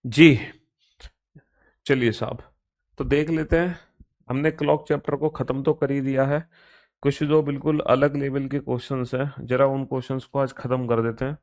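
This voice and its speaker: A man's voice: mid-range voice, a little mellow. A man with an Indian accent teaching a live online reasoning class, chatty and playful, joking with students between explanations.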